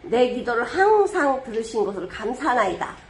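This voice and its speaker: Woman pastor with a higher-pitched voice, lively sermon storyteller who breaks into booming dramatic quotes. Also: moderate pace, slight background noise. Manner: lively storytelling, rhetorical questions, sudden loud dramatic quotes.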